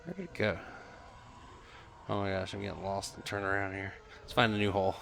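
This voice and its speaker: A man's voice: low voice, a little fast, vocal fry, a bit bright, a little hiss or hum. Stuffy-nosed man musing over gameplay. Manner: musing, thinking aloud while flying. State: stuffed up from a cold. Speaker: gameplay commentator. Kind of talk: casual gameplay commentary.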